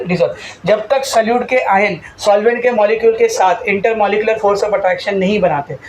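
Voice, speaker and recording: A man's voice: sits high, low-quality recording. A male chemistry teacher lectures a class and drills them in call-and-response fashion. He throws out a question and supplies the answer himself, again and again, and speaks to his students fondly as "beta". A faint noise sits behind his voice. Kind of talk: classroom lecture mixing Hindi and English terms.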